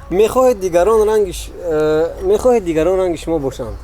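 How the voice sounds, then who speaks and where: A man's voice: high voice, expressive, warm tone. Playful Tajik-accented male host. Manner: playful, laughing often, explaining game rules. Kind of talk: casual comic quiz segment.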